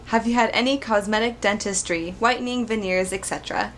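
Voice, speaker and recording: A woman's voice: medium pitch, brisk, a bit bright, slight background noise. A young woman in her twenties from Arizona, chatting bubbly and giggly in a casual Q&A vlog, close to the camera mic. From Arizona, United States. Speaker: vlogger. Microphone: camera mic at close range.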